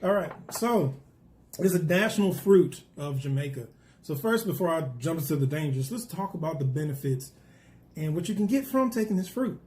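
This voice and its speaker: A man co-hosting a casual food talk, going through facts in a relaxed, joking way. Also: on the high side, moderate pace. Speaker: co-host.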